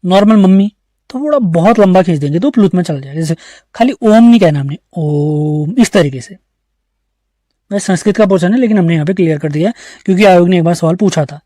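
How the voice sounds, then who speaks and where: A man's voice: high-pitched, expressive, quick pace, dark tone, no echo, studio quality. A male teacher giving an online exam-prep grammar lesson, explaining step by step and asking the class questions that he answers himself. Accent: Uttarakhand Hindi.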